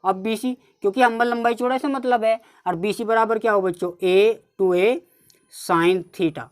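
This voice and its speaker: A woman with a North Indian accent teaching a maths lesson step by step, often addressing her students as children. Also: mid-range voice. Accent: Hindi-speaking North Indian. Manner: keeps addressing the class as "children", repeats steps slowly.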